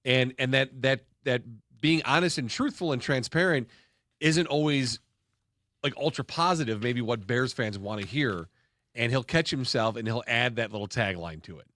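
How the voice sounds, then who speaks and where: A man's voice: mid-range voice, moderate pace, fairly bright tone, no room sound, clean studio sound. A man co-hosting a sports podcast in casual chat, earnest and thinking aloud with many restarts. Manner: earnest, repeats words while thinking aloud.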